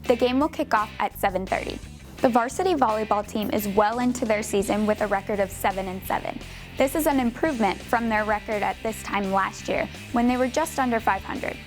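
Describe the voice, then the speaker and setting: A teenage girl anchoring the sports segment of a school news show, reading a steady script. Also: fairly high pitch, fairly quick, soft background music. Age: teens.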